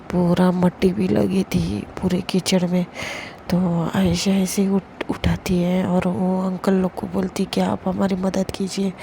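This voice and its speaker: A woman's voice: on the low side, vocal fry, mellow, a little hiss or hum. A woman narrating a love story in a casual, conversational way, quoting the characters' lines in her own voice. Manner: retells dialogue plainly without voicing characters.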